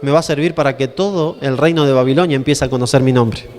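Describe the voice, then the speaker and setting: Preacher doing a gentle, grateful divine figure, a lower tone than his own, in a reverberant hall. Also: fast talker, a little hiss or hum, natural voice. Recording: long reverb in a conference hall.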